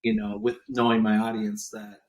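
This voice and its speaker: Completely flat in delivery, his darkish, low voice moves at a moderate pace. A podcast guest and entrepreneur in his forties, he chats casually but emphatically, restating his points for effect and coughing occasionally.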